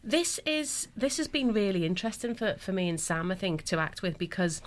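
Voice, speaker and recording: A woman's voice: medium pitch, very animated, fairly quick, a little hiss or hum. A woman talking casually as a guest in a radio interview, explaining things conversationally.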